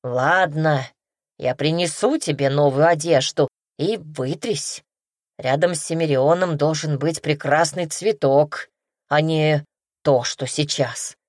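A woman's voice: low voice, takes it slowly, a little mellow, no room sound, studio quality. A woman voicing a curt, grumbling, old-souled male companion in an audiobook.

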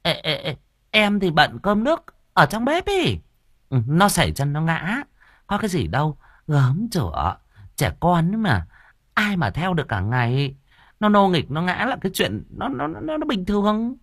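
A man putting on a shrill, cruel stepmother. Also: huge pitch swings, slightly rough, dry recording, clean studio sound, exaggerated voice. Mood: defensive chatter. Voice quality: shrill, scolding falsetto. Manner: rapid nagging, fake sweetness when coaxing. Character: shrill, cruel stepmother, middle-aged woman.

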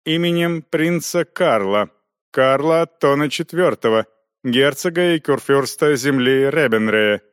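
A man's voice: medium pitch, lively intonation, unhurried, clean tone, dry recording, studio quality, lightly acted. A man reading an audiobook, voicing a nervous noble baron who talks unsurely and frets. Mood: uneasy. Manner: unsure, fretful.

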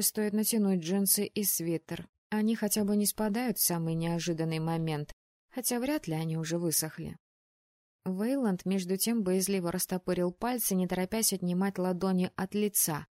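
A woman reading a first-person audiobook with expressive storytelling, close to the mic. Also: fairly low pitch, no echo. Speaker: audiobook narrator.

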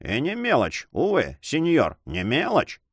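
Pious old judge, drawling and fawning, voice pitched up a touch, as a male reader puts him on. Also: measured pace, slightly rough, no echo, studio quality, full character voice. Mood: gloomy. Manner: drawling, flattering, prim.

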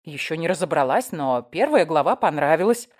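A woman voicing an indignant middle-aged woman passenger who loudly protests her innocence. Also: low-pitched, lively intonation, brisk.

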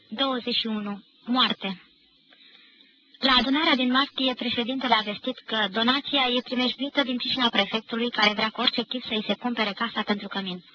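Gravelly, bright-toned woman reading a novel. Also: a little high, slight background noise. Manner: measured, slow, grave reading. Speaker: reader. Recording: dull lo-fi 1990 radio archive recording.

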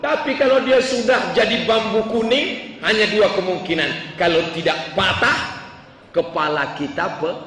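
High bright-voiced preacher in an echoey hall. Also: male voice, moderate pace. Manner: storytelling, animated, acts out dialogue. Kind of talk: humorous sermon. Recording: echoey hall, distant mic, faint noise.

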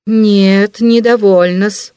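A woman's voice: medium pitch, fairly even intonation, very slow, warm tone, smooth, no room sound. Woman voicing middle-aged man, obsequious, insistent, fawning politeness, storybook reading, dry close sound. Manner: fawning yet stubborn, polite "-s" endings. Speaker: audiobook reader. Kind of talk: classic novel audiobook reading.

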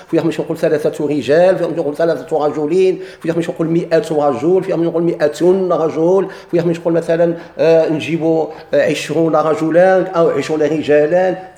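Fast-talking Moroccan teacher in an echoey room. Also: male voice, a little high, mellow. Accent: Moroccan Arabic. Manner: poses rhetorical questions and answers them himself. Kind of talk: grammar lesson.

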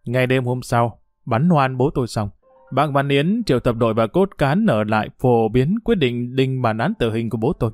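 A man voicing a soft, menacing young cadre. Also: mid-range voice, expressive, moderate pace, no echo, faint music behind, lightly acted. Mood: quiet, controlled. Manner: soft-spoken, controlled. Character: young male village cadre, calm and quietly menacing.

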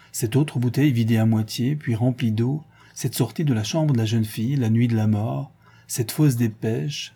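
A man reading a calm older philosopher. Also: mid-range voice, slightly rough. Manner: gentle, measured. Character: calm older male philosopher, measured and frank.

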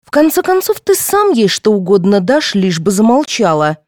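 A woman reading the part of an impatient, sharp-tongued mother who snaps and brushes things off. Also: medium pitch, big pitch swings, normal speed, dry recording, clean studio sound, natural voice. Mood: coaxing. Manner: dismissive, snapping.

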